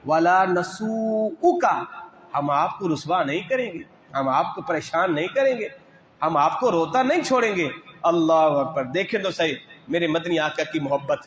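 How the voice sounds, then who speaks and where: Male preacher, high voice, impassioned, drawn-out chanting, echoey lo-fi hall. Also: fairly bright tone, slight background noise. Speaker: religious scholar teaching hadith. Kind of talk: devotional sermon.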